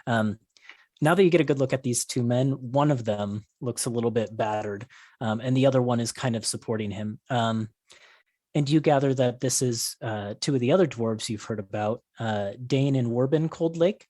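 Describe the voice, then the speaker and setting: A man working as game master, narrating a tabletop role-playing game in a casual, halting way. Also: mid-range voice, a little mellow, dry recording, clean studio sound.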